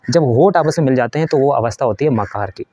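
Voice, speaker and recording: A man's voice: medium pitch, expressive, quick pace, dark tone. A man giving a patient spiritual lesson. He explains step by step, asks questions and answers them himself, and shows how to chant. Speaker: spiritual teacher.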